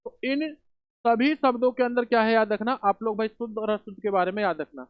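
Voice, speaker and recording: A man's voice: sits high, a little fast, dry recording. A man teaching a spelling lesson for exam prep, asking rhetorical questions and answering them himself, calling students children and brothers. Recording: dull dry home recording.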